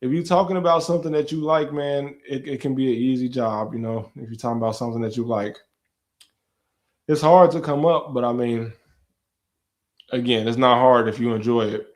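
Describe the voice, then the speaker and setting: A young man in his twenties, hosting a casual live stream, talking slangy and relaxed while answering chat and talking to his dog. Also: medium pitch, a little fast. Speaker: livestream host.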